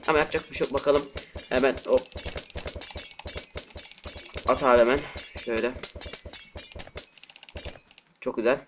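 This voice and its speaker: A man giving frustrated gameplay commentary at his computer, cursing and breaking into shouts, with keyboard clicks behind him. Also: mid-range voice, steady tone, moderate pace, pauses often, slight background noise. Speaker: gaming channel host. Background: keyboard typing and mouse clicks.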